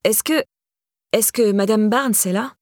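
A woman reading an audiobook and voicing a cheeky, warm young woman in a lightly raised, bright voice. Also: mid-range voice, a little slow, dry recording, clean studio sound, voice pushed up, close to an everyday voice.

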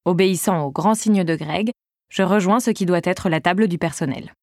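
A woman's voice: lowish voice, normal speed, darkish tone, no room sound. Dry, wry woman narrator. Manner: wry, first-person. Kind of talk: audiobook narration.

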